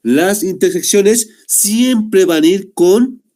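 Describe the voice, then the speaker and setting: A man's voice: high voice, slow pace, warm tone. A young man teaching a class over a video call, explaining patiently and checking in with "¿no?" after each point. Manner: explanatory, repeats "¿no?" and "muy bien". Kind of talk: online class.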